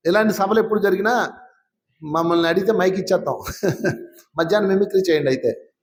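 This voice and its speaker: A man with a high, bright voice leads an informal spiritual talk before a gathering. He turns to people in the audience, questions them and ribs them good-naturedly. The sound is roomy and echoing, like a hall. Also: brisk. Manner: conversational, quizzes and teases listeners. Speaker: spiritual teacher.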